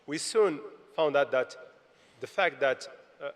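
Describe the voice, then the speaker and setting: A man's voice: fairly high pitch, unhurried. Man presenting in an echoing hall. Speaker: panelist, tech founder. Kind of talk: conference presentation. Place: large conference hall. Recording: long hall reverb.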